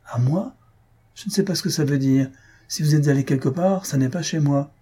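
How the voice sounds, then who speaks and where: A man's voice: fairly high pitch, normal speed, mellow, breathy edge, pitched above the performer's own voice. A man reading aloud and voicing a curt young housemaid who answers sharply and indignantly.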